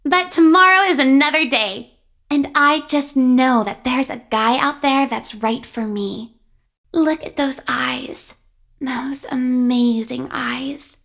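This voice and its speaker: A woman voicing a lovesick, obsessive, girlish animatronic in a video game, with breathy, dreamy swooning. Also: high-pitched, slow pace, a bit bright, exaggerated voice. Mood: dreamy longing. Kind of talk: video game character acting.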